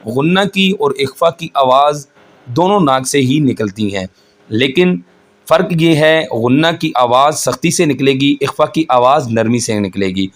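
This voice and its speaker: A man teaching Quran recitation rules, explaining each point slowly and patiently and chanting the verses in a melodic voice. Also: medium pitch, animated. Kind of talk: tajweed lesson with chanted recitation.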